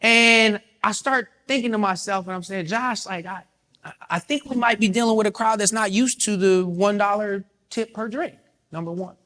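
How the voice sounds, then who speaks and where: A man telling a story to an audience in a lively way, often asking "right?". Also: sits high, moderate pace. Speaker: speaker telling a work story.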